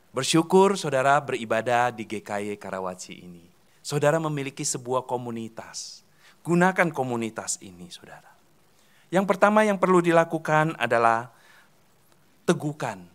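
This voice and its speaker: A man, a pastor preaching a sermon in a church hall, asking the congregation questions and answering them himself. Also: mid-range voice. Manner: swings between loud emphatic calls and soft dropped endings.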